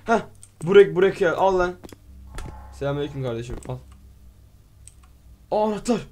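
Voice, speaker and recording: A man hosting a gaming video, reacting excitedly, swearing playfully at the game and reading its text aloud as he plays. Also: high voice, moderate pace, slight background noise. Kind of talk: let's play commentary.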